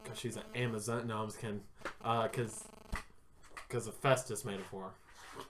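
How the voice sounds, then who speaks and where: A man co-hosting a casual gaming podcast, excitable and crude, rambling through jokes. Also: lowish voice, normal speed, background noise. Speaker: podcast co-host.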